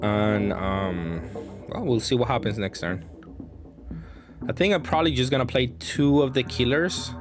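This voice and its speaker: A man with a mid-range voice, speaking a little slowly, gives casual commentary on a card game match as he plays. He thinks aloud hesitantly, with music in the background.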